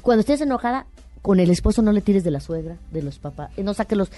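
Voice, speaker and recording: A woman's voice: mid-range voice, quick pace, faint music behind. A Mexican woman, a guest author, giving emphatic parenting advice with lots of rhetorical questions. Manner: animated, preachy, rhetorical questions.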